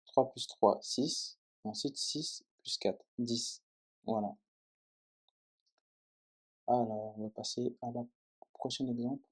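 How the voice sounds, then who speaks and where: A man's voice: medium pitch, steady tone, takes it slowly, long pauses, slightly rough. A man teaching a coding lesson in French as he types, explaining each step and often checking in with the viewer. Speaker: programming tutor. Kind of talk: screen-recorded coding tutorial.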